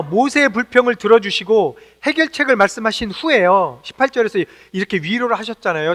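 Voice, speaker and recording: Male pastor, very high and bright voice, earnest preaching, echoey sanctuary. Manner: earnest, exhorting, with rhetorical questions. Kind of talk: sermon. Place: church sanctuary.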